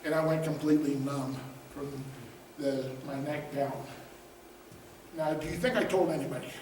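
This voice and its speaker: A man's voice: a little high, darkish tone. Man, middle-aged, motivational speaker, chatty and humorous, questions to the crowd, very echoey room, faint background noise. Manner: conversational and humorous, asks the audience questions. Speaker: guest speaker, business coach. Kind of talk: motivational storytelling talk. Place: event room before a live audience. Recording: roomy echo, distant mic, faint noise.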